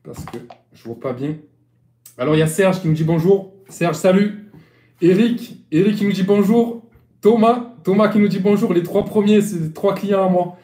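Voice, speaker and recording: A man's voice: sits high, normal speed, mellow, roomy sound. A man with a Marseille accent, a sailing coach chatting loosely through a live-stream lesson, often repeating and restarting his phrases. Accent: Marseille French. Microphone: live-stream phone or webcam.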